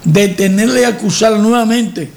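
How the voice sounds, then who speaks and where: A man hosting talk radio in a notably high voice. He speaks with a gravelly edge. He argues emphatically and lectures, restarting phrases as he goes. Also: normal speed, a little mellow.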